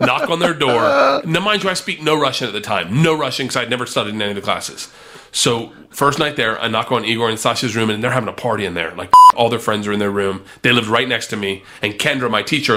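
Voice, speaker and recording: A man telling a long story in a casual chat, animated and acting out the people in it. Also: mid-range voice, quick pace. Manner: animated, does voices of people in his story.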